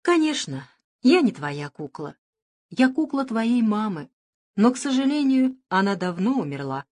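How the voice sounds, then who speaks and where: A woman voicing a caring, patient talking rag doll with a soft, pleading manner. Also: on the high side, big pitch swings, measured pace. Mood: tender.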